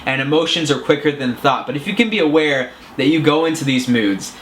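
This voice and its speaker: A man's voice: fairly high pitch, brisk, a bit bright, a little hiss or hum. A man hosting a casual advice vlog, talking in an earnest, chatty way with frequent restarts. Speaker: self-help vlogger.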